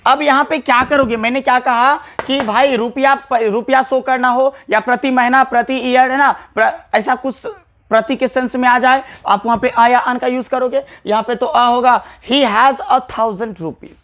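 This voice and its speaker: A man's voice: very high-pitched, flat delivery, moderate pace, fairly bright tone. A man teaching an English grammar lesson, explaining patiently, repeating key points and addressing viewers casually as brother.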